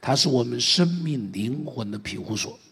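Husky, gravelly male preacher in a hall. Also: medium pitch, lively intonation, normal speed. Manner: emotional retelling with many repeats and swings from loud to hushed. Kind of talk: sermon storytelling. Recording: long hall reverb.

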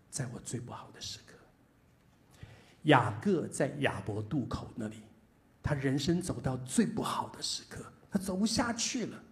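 A man, giving a sermon testimony to a congregation. He swings between loud, pleading outbursts and hushed whispers. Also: mid-range voice.

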